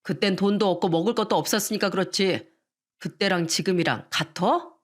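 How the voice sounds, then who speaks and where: A woman's voice: mid-range voice, a little fast, close to an everyday voice. A woman doing a scornful, boastful husband. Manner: dismissive, scornful, sighing. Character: arrogant newly rich male composer husband.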